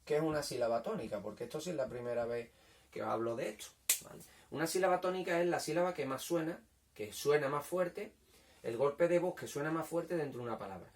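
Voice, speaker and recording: A man teaching a children's lesson in a patient, repetitive way, checking understanding often and sounding out syllables slowly. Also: on the high side, recorded from a distance. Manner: patient, repeats points, checks with "¿vale?". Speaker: primary school teacher. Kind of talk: recorded language lesson for children.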